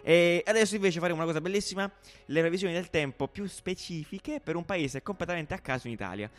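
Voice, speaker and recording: A man's voice: sits high, quick pace, faint music behind. A man from southern Italy hosting a chat in an emphatic, exclamatory, jokey and teasing manner. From Cisternino, Apulia, southern Italy. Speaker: podcast host. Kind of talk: lively comedic chat.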